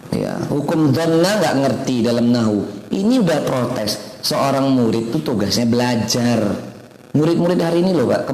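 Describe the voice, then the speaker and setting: A man's voice: medium pitch, a little mellow. A man giving an informal sermon to a study circle, chatty and often quizzing his listeners. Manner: chatty, keeps quizzing the audience. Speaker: ustadz teaching a weekly study circle. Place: home study gathering. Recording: echoey room, long reverb, faint noise.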